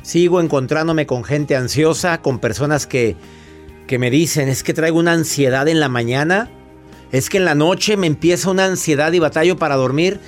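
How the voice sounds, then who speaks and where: A man's voice: fairly high pitch, moderate pace, faint music behind. A man hosting a radio show, giving emphatic, fatherly advice to a caller and interviewing a guest. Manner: warm fatherly advice, emphatic, rhetorical questions.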